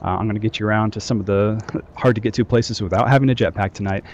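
A man's voice: lowish voice, steady tone, quick pace, darkish tone, muffled recording, slight background noise. A man leading a game training session over group voice chat, instructing loosely with frequent fillers. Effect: heard over group voice chat. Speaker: squad trainer.

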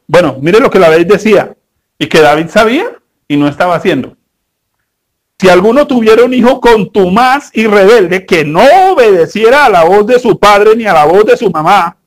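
A man, preaching a sermon as pastor, full of rhetorical questions and mocking asides, with sudden shifts between fast and slow delivery. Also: sits high. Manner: mocking, acts out the people in his stories.

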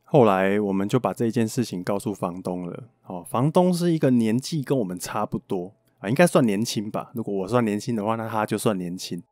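A low-pitched man with a Taiwanese Mandarin accent tells a story to his podcast listeners. His delivery is casual and playful, full of jokes and mild curses. The sound is close and very dry. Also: a little fast, few pauses, darkish tone, no echo. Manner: playful, joking asides, mild swearing. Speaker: podcast host.

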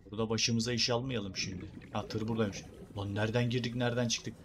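Young male gamer, lower voice, playful banter to viewers, light background noise. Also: fairly even intonation, fast talker. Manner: joking, slangy, talks to viewers and game creatures. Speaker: gaming YouTuber. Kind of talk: casual let's play commentary.

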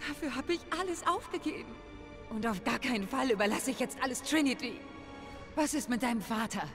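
A desperate, manipulative woman near death, played by an actress in a game dub, pleading and persuasive, with a slightly raised pitch. She presses her case in urgent, earnest sentences. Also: animated, fairly quick, music in the background, natural voice. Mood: urging. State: dying. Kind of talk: video game voice acting, dubbed.

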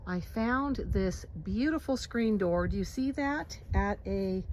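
A middle-aged woman with a Midwestern American accent talks in a chatty, excitable way as she walks around her farm. She records it on a handheld phone outdoors. A faint outdoor hum sits behind her voice. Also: mid-range voice, slow. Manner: chatty, excitable, many fillers. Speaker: homesteader vlogger. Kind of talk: casual walkthrough tour. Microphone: handheld phone camera.

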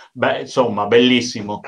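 A middle-aged man hosts a live show from home. His voice is of medium pitch and his delivery is casual and conversational. He speaks into a headset on a video call. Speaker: host. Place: room at home.

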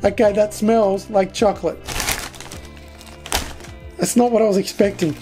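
A man hosting a casual food review, with deliberate emphasis and rhetorical questions. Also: sits high, steady tone. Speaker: snack reviewer and host. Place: small foam-treated studio indoors. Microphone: close desk microphone. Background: background music.

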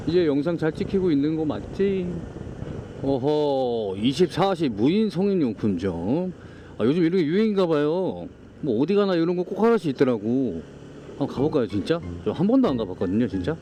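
Middle aged guy vlogging, loose dentures making words a bit mushy, swingy pitch, grumbly slangy banter. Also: dark tone. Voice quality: slightly slurred, imprecise articulation from loose dentures. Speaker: vlog host. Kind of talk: casual walking-tour vlog commentary.

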